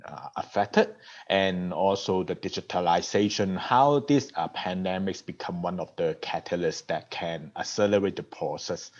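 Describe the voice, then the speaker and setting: Over a video call, a male guest speaker with a Hong Kong accent gives a conference talk in a low, darkish voice. He restarts sentences repeatedly and uses non-native grammar, and the call audio is dull and lo-fi.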